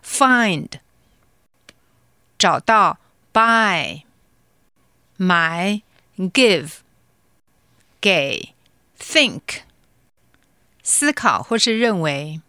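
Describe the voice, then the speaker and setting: A woman's voice: lowish voice, expressive, very slow, long pauses, pushed and bright, no echo, studio quality. A woman teaching a scripted bilingual vocabulary lesson, enunciating carefully and acting out example sentences.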